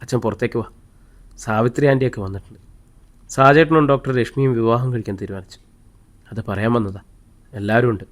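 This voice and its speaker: A gentle young woman with a soft, soothing way of speaking, voiced by a man reading an audiobook. She has a plain, even, mid-pitched voice. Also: quick pace, long pauses, close to an everyday voice.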